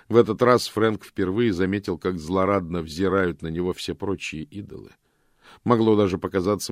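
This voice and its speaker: A man narrating an audiobook in a steady, measured storytelling manner. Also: low-pitched, no room sound, clean studio sound. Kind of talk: scripted narration.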